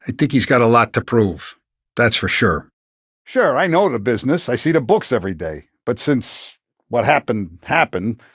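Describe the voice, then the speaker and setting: This commanding Italian-American mafia boss from a 1930s gangster game has a middle-aged male voice with wide pitch swings and a fairly bright tone, recorded dry and close with no room sound. Brooding and measured, he speaks in blunt street slang, carrying authority and a vengeful edge.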